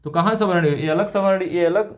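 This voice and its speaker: A man with a high-pitched voice teaches grammar in a classroom lecture. He drills each rule step by step and repeats it. He keeps asking the class whether they follow. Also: fairly quick. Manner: checks understanding constantly, tag questions like "right?"; repetitive, drilling rules step by step. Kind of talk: classroom lecture with call-and-response.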